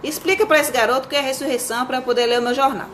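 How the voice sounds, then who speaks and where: A woman's voice: sits high, steady tone, very fast, a bit bright, slight background noise. A woman reading aloud and voicing a distracted father who answers his son hesitantly. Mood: offhand. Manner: hesitant, offhand. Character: distracted father eager to read his newspaper.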